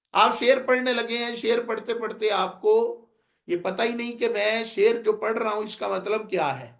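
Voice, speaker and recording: A man's voice: high-pitched, creaky, fairly bright tone. A man with a Punjabi-inflected accent teaching a class on public speaking, explaining plainly and then declaiming example lines to show intonation. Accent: Punjabi-inflected Urdu. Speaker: oratory teacher.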